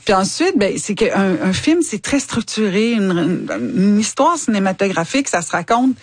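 A woman's voice: medium pitch, animated, moderate pace, no room sound. A woman in her fifties with a Quebec French accent, a guest actress and novelist, talking with enthusiasm and laughing often. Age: 50s. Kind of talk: casual chat.

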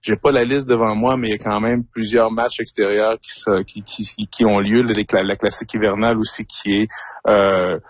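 A man's voice: lowish voice, flat delivery, normal speed, no echo. A man in his fifties with a Québécois accent, talking casually as a radio guest, hesitant with many fillers and repeated words. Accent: Québécois French. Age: 50s. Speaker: guest, hockey fan.

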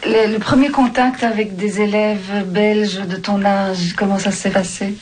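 A woman interviewer asking gentle questions that prompt her guests to go on with their stories. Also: medium pitch, fairly even intonation, a little slow, breathy edge.

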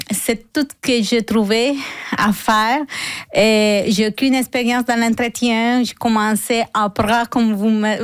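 A woman's voice: mid-range voice, clean tone, no room sound. A woman from Colombia, a cleaning worker being interviewed in a radio studio, searching for her words with many fillers. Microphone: studio microphone.

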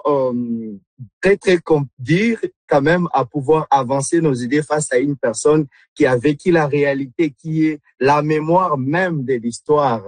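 Earnest, husky Congolese-born man. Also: medium pitch, a little mellow, no echo. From Democratic Republic of the Congo. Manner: earnest, many hesitations and repeated words. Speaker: guest, literary club member. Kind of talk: radio interview.

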